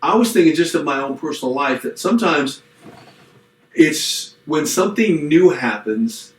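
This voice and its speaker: A man's voice: a little high, very animated, normal speed, far from the mic. A middle-aged man co-hosting a podcast as a pastor, talking in a reflective, rambling way with restarts and dry self-deprecating jokes. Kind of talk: casual chat. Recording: roomy echoey room.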